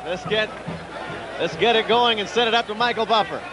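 A man's voice: sits high, fairly quick. A man calling boxing live on television as play-by-play commentator, projecting in punchy phrases. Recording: very loud music and crowd.

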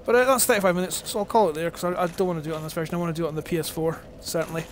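A man's voice: on the high side, fairly even intonation, rapid-fire, slight background noise. A middle-aged man streaming a game, chatting casually, mocking himself, swearing, and crying out in alarm when things go wrong. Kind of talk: casual gameplay commentary. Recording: game music loud behind the voice. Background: game music.

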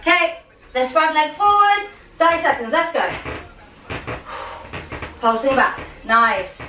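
Big pitch swings mark the high, bright voice of this young woman running a home workout. She delivers countdowns and encouragement in brief, commanding bursts, unhurried and with pauses between cues. The camera sits a few metres away in a small living and dining room, giving a roomy, distant sound with music running under it.

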